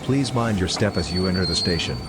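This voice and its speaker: A man voicing a train conductor, giving a formal, measured arrival announcement over a PA system. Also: deep voice, lively intonation. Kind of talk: public address announcement. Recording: distant voice over loud engine noise.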